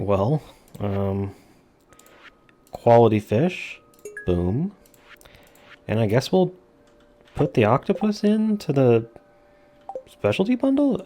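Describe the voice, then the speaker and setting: A man's voice: mid-range voice, mellow, a little hiss or hum. A man hosting a gaming video with casual commentary, speaking informally and jokingly with free use of swearing.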